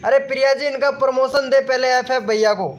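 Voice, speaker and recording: A strikingly high-pitched man hosts a casual live stream. He reacts to viewers' comments with excited, repetitive chatter and addresses everyone as brother. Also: brisk.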